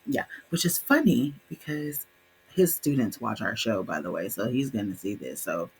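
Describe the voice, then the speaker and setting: A young adult woman co-hosting a podcast, telling a story in a casual, animated way and doing the voices of her relatives. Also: rumbling low, normal speed, gravelly, slight background noise. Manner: animated, voices quoted relatives, laughs often. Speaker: podcast co-host.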